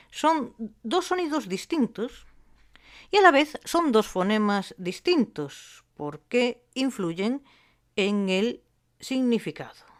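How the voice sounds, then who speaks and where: Slow, deliberate woman teaching. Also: on the high side. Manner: slow and deliberate, spelling out sounds with pauses. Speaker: language teacher. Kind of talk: explanatory phonetics lesson.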